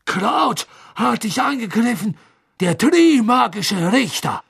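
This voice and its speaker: A man voicing a proud, suspicious male headmaster who shouts in a shrill voice in an audiobook. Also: very animated, slow, creaky, husky, no room sound, clean studio sound, heavily acted. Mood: agitated.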